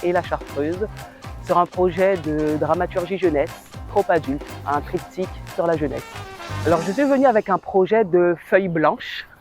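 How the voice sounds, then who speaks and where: A woman from French Guiana, an author and actress, telling her story in an interview in a reflective, animated way. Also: fairly low pitch, normal speed, soft background music. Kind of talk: interview testimonial.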